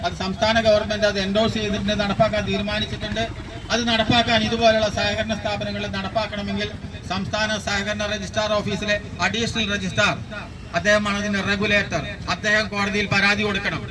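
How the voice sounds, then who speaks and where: High-voiced man explaining at a protest. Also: level tone, fairly quick, a crowd in the background. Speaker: protest organizer. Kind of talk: explaining to a reporter. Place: outdoors at a street protest. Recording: noisy outdoor recording.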